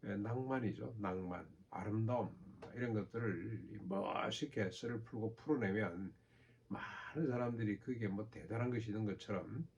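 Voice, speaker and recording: Older male pastor with a gravelly low voice. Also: darkish tone, lo-fi sound, slight background noise. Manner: measured preaching with rhetorical questions and mocking quoted voices. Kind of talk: sermon.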